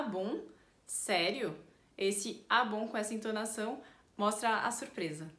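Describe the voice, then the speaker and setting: A woman with a fairly high voice gives a casual video lesson, explaining step by step and acting out little example phrases. Her voice rings in a roomy, echoey indoor space. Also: fairly bright tone. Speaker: French teacher.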